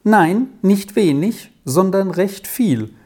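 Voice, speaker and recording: A reader voicing a composed farmer's wife who speaks calmly and unhurriedly. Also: mid-range voice, slightly rough, pitched above the performer's own voice. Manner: calm and unhurried.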